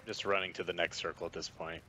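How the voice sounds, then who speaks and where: A man with a low voice talks laid-back in team chat, swearing and joking. The line carries steady noise under him. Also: fast. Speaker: teammate in a game party. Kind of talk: casual game chat.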